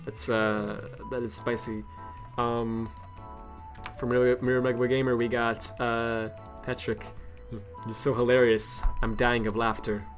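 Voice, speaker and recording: A male streamer talks loosely, rambling and poking fun at himself between bursts of laughter. His pitch sits in a middle range, and soft music plays underneath. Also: flat delivery, measured pace. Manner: rambling and self-deprecating, laughs often. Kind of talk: casual live-stream chat.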